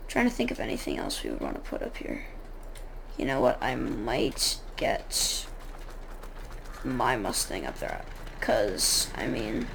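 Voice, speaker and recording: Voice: medium pitch, vocal fry. A speaker narrating a casual role-play as a car shop owner, rambling and often correcting themselves. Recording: noisy recording.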